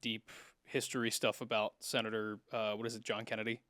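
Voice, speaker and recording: A man in his twenties co-hosting a podcast, chatting in a relaxed way with short agreeing replies. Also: lowish voice, a little fast, no echo, studio quality. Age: 20s. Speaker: podcast co-host. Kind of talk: casual podcast chat.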